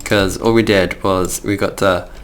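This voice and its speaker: A young man from the middle of England with a Midlands accent hosts a gaming channel, chatting casually and rambling as he plays. He is easily distracted, though his low voice stays steady and measured, with slight background noise.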